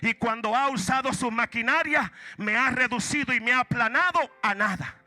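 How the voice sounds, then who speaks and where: A man preaching, voicing a vast mountain that speaks in a low, mournful way. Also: moderate pace, bright, forceful tone, full character voice. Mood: sorrowful. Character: sorrowful mountain, vast and heavy-hearted.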